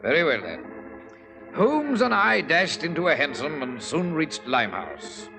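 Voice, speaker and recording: A man's voice: a little high, huge pitch swings, unhurried, creaky, over music, full character voice, low-quality recording. An actor playing a bluff, good-natured male doctor who also narrates, in a 1940s radio drama. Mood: bluff, hearty. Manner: bluff, hearty, exclamatory. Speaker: narrator of the story.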